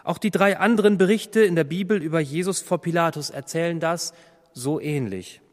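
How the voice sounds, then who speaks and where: A man's voice: fairly high pitch, moderate pace, big-room sound. A man reading a Bible passage aloud and then commenting on it as a preacher.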